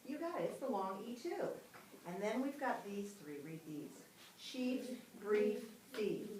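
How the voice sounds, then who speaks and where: A woman's voice: medium pitch, normal speed. A woman teacher leading a phonics lesson with children, patiently prompting and asking questions. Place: classroom. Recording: roomy classroom audio, mic far off with steady noise.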